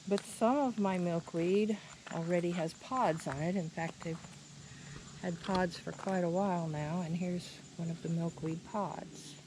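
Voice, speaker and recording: A woman talks slowly in a slightly low voice, as if showing visitors around. Her manner is casual and plainspoken, like a home garden tour. It is recorded outdoors, with clear background noise of crickets and insects. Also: a little mellow, low-quality recording. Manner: unhurried, plainspoken.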